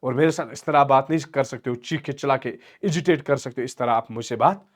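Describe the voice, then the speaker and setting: A man voicing an older father who talks down softly and condescendingly, acted out for a class. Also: mid-range voice, fairly quick, close to an everyday voice. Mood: stern. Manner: soft, patronizing, sugary.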